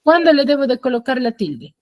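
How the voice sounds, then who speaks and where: A woman teaching an online class, asking her students question after question and explaining slowly with emphasis. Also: high voice, sing-song, no room sound, highs cut off.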